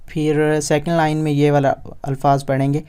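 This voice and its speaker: A man with a Pakistani Urdu accent teaching Quran reading step by step, explaining in Urdu mixed with English words and drawing out each letter slowly. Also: a little high, completely flat delivery, warm tone, smooth. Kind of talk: step-by-step recitation lesson.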